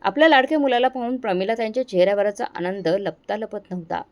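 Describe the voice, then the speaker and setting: A woman narrating a moral story in a steady, dramatic scripted reading. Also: mid-range voice, fast talker.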